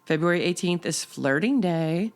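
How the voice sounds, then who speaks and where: A woman's voice: on the low side, animated, normal speed. Playful middle-aged woman podcast co-host. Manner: playful, laughs often, dry teasing. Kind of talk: casual chat.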